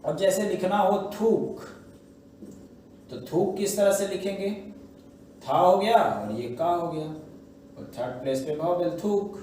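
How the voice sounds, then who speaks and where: A man's voice: sits high, slow pace, pauses often, warm tone, slight background noise. A man teaching shorthand, explaining step by step in a patient classroom manner and answering his own questions. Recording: echoey room, voice from a distance.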